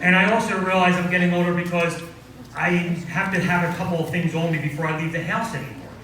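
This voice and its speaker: A man's voice: sits high, steady tone, quick pace. A man in his forties performing a stand-up comedy set on a coffee house stage, self-deprecating punchlines delivered to a live crowd. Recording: very echoey room, far mic, audience noise.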